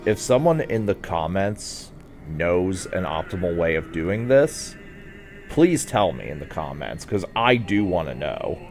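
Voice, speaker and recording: A man with a very deep voice gives a casual video game walkthrough. His pitch moves around in a lively way as he guides the player, with music clearly playing behind him.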